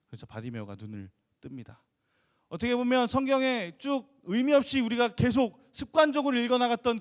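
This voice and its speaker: A man preaching a storytelling sermon at a church youth service, asking the listeners questions. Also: sits high. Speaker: youth pastor.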